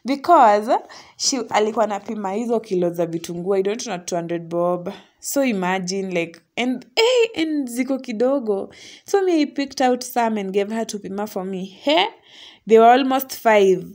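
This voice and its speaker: Young woman, Kenyan accent, chatty vlog voice-over, laughs often, mid pitch. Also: animated, moderate pace, a little mellow. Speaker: vlogger. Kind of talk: casual vlog voice-over mixing English and Swahili slang.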